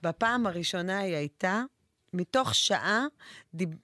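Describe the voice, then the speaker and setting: A woman hosting a radio show in casual chat, chatty and laughing, telling lively anecdotes. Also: lowish voice, no room sound, clean studio sound. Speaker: radio host. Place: radio studio.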